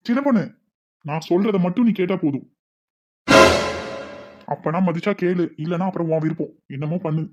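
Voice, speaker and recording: A man's voice: fairly high pitch, moderate pace, pauses often, muffled recording, loud music behind the voice, natural voice. A man voicing a stern middle-aged village father in a cartoon, with a Tirunelveli Tamil accent, lecturing bossily. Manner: bossy, lecturing.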